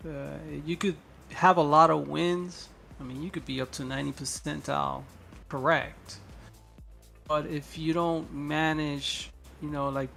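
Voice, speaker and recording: Gravelly man chiming in on a stream. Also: fairly high pitch. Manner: agreeable, soft-spoken asides. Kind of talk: casual livestream chat.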